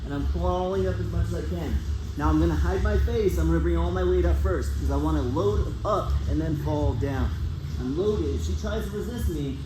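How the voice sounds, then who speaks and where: A man's voice: on the high side, fairly quick. A man coaching a martial arts class, demonstrating moves with short, direct commands and casually checking that students follow. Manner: casual, checks understanding often. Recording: echoey room with clear background noise.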